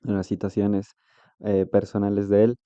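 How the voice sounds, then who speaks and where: A man's voice: on the low side, monotone, moderate pace, dark tone, clean tone, no room sound, lo-fi sound. A man hosting an interview podcast, asking rambling questions and backing up his guest with frequent "ujú". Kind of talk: casual interview talk.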